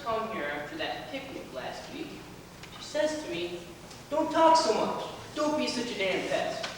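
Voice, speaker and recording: A man's voice: very high-pitched, sing-song, measured pace, over a noisy crowd, very noisy, full character voice. A young man in an amateur stage musical playing an older railroad man and father, talkative and folksy. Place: theater stage before an audience. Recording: distant echoey stage recording, long reverb.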